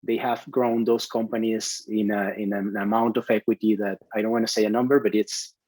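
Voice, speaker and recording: A man from Venezuela in his thirties, a CTO answering interview questions in a halting way, full of restarts and fillers. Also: fairly low pitch, flat delivery, darkish tone, dry recording, low-quality recording. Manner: hesitant, many restarts and fillers. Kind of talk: conversational interview.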